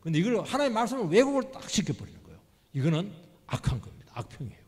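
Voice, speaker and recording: Male pastor, husky and fairly high, delivering an emphatic sermon in a reverberant church hall. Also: huge pitch swings, rapid-fire, a little mellow. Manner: emphatic preaching, asking the congregation questions. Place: church sanctuary.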